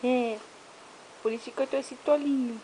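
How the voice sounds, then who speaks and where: A woman's voice: high-pitched, fairly even intonation, moderate pace, warm tone, a little hiss or hum, lightly acted, rough recording. A mother doing a fussy hungry baby boy.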